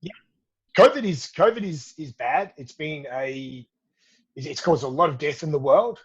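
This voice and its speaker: Guesting on a podcast, a middle-aged fitness educator from Australia speaks with an Australian accent in a slightly high, husky, expressive voice at a moderate pace. He's upbeat and friendly in his answers, calls the host mate, and the recording sounds muffled.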